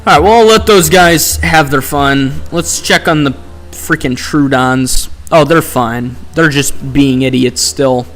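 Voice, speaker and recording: A man's voice: on the high side, measured pace, a bit bright. Sarcastic young man streaming a game. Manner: chatty, sarcastic, reads chat aloud. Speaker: live streamer. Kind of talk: casual gameplay commentary. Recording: faint background music.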